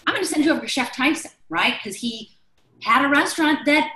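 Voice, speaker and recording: A woman's voice: high voice, lively intonation, brisk, pushed and bright, reverberant, slight background noise, rough recording. A woman chef instructor from Chicago leading a live online class, chatty and loose with many fillers.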